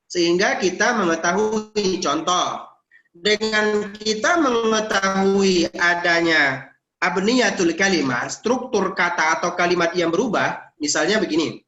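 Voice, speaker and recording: An Indonesian man teaching Arabic grammar in an online university lecture, lively and teasing, drilling his students with questions. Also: sits high. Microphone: video call. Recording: echoey room, dull lo-fi sound.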